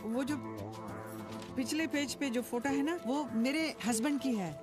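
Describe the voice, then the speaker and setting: A woman dubbing a film role as a gentle, hesitant middle-aged mother. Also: high voice, unhurried. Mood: insistent. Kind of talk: Hindi film dub. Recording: film soundtrack with music behind. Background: film score.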